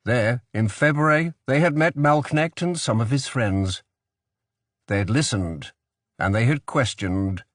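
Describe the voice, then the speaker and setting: A man giving a steady, measured scripted narration of a thriller audiobook. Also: medium pitch, dry recording, clean studio sound.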